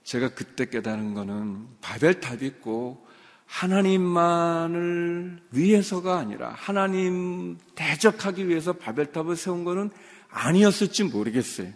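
A man preaching a sermon as pastor, telling a personal story and building to emphatic high points. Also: lively intonation, measured pace, long reverb tail. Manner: storytelling, rising to emphatic peaks.

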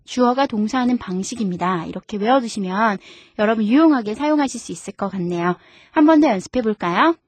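Bright-voiced woman teaching English. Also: on the high side, animated, no echo. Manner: explains step by step, repeats English sentences slowly. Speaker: radio English teacher host. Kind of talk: radio English lesson.

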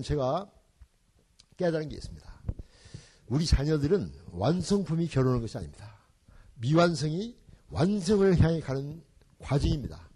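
Older church elder giving a parenting seminar, husky voice that jumps all over, acts out family stories. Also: male voice, fairly high pitch. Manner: animated storytelling, acting out family scenes, dropping in English phrases. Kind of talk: seminar talk with storytelling.

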